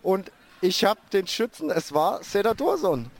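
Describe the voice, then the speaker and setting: A man doing live football commentary as a club reporter, excited and breaking into screamed goal cries. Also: high-pitched, unhurried, gravelly. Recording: outdoor stadium ambience noise.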